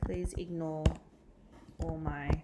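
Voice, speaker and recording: A woman's voice: sits low, fairly even intonation, slow pace, very noisy. A woman teacher giving a recorded catch-up lesson, explaining step by step with frequent ums and uhs. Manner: explains step by step with many fillers.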